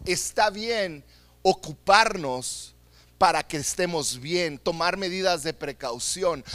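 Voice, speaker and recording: A man's voice: high voice, bright, forceful tone, no echo. A man preaching a sermon as a pastor, earnest and emphatic, repeating phrases for stress.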